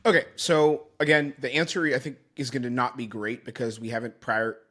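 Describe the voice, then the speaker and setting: A man in his thirties, a sales coach giving commentary on a recorded sales call in a quick, run-on coaching manner. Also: mid-range voice, steady tone, a bit bright. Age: 30s.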